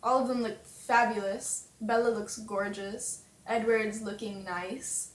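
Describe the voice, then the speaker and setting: A woman's voice: mid-range voice, fairly even intonation, slow. A young woman chatting in a casual fan vlog, gushing and full of fillers. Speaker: fan vlogger. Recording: roomy webcam audio with faint hiss.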